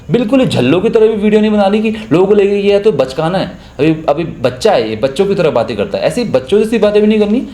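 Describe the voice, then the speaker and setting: A young man with a Hindi accent gives a casual, chatty spoken tutorial on voiceover, explaining through spoken examples. His voice is a little high and mellow, with a roomy sound.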